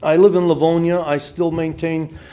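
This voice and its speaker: A man in his seventies from Dearborn, Michigan, gives a rambling, insistent public comment at a city council meeting, repeating "and so forth." His voice is fairly high and mellow, with little pitch movement and a moderate pace.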